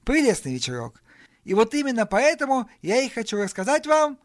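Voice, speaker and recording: A man voicing a pompous, flustered young male impresario who makes loud, grand toasts. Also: extremely high pitch, huge pitch swings, brisk, dry recording, studio quality, pitched above the performer's own voice, exaggerated voice. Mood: grandiose.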